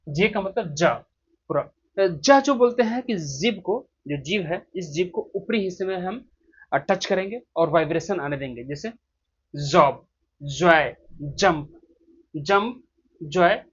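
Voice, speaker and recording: An Indian man teaching English pronunciation, explaining step by step and slowly modelling each sound. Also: high voice. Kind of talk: pronunciation lesson. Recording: muffled, husky lo-fi recording.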